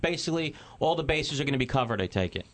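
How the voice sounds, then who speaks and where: A man speaks as the host of a radio talk show. His voice is mid-pitched, and he addresses listeners and guests in a conversational broadcast style. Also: animated, quick pace, fairly bright tone.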